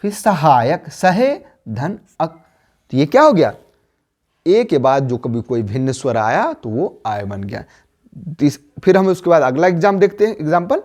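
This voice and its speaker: A man's voice: on the high side, big pitch swings, a little mellow. A man teaching a Hindi grammar lesson, drawing out each word part and putting questions to the class before answering them himself. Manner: slow, drawn-out spelling of word parts with rising questions; quizzes listeners then answers himself.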